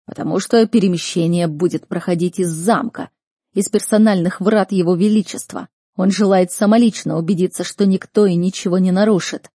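A woman's voice: on the low side, steady tone, fairly quick, warm tone, slightly rough, no echo, clean studio sound. A woman voicing a stern, overbearing male duke who barks orders. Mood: angry commanding. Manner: barking orders.

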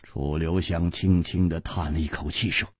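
A man's voice: deep voice, fairly even intonation, moderate pace, breathy edge, no room sound, studio quality. A male storyteller in the traditional style, dramatic and swooping in delivery.

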